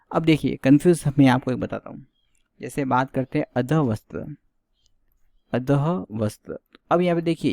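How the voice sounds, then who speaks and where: A man teaching Hindi spelling in an online lesson, saying each word slowly and asking his viewers questions. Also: mid-range voice, gravelly, warm tone, no echo, studio quality. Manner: repeats words slowly and asks questions to the viewer.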